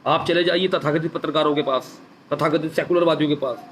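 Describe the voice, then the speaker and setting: A man's voice: fairly high pitch, steady tone, quick pace, a bit bright, a little hiss or hum. A man giving an impassioned address to viewers on a live stream, repeating his key phrases for emphasis. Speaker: political speaker on a social media live stream.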